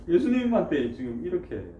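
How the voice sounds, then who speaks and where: A man's voice: on the high side, wildly swooping pitch, a little slow, mellow, dull audio, slight background noise. A man preaching a sermon as a pastor in a church. He asks the congregation rhetorical questions and breaks into sudden emphatic bursts. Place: church sanctuary. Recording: echoey church room.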